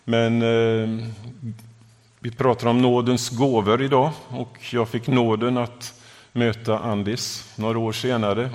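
An older man from Sweden preaching a Sunday sermon in a church, measured and earnest, with frequent pauses. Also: mid-range voice, vocal fry. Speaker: pastor. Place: church sanctuary. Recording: long church reverb.

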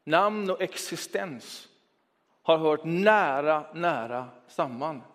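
A man preaching a Sunday sermon in a church, reflective, switching between quick talk and slow, stressed words. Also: on the high side, fairly bright tone. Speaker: pastor. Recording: long church reverb.

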